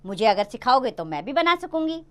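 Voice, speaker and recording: An eager, pleading young village girl with a very high, bright and lively voice, as a woman reading a class play puts her on. She begs and argues with a lot of energy. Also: a little fast.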